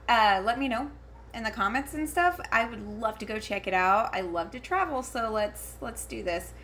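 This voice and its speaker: A woman in her 30s reviews a convention in a casual talking-to-camera vlog from home, where her daughter can be heard in another part of the house. Her voice is bright and a little high, and she rambles with many fillers, restarts and giggly asides over faint background noise.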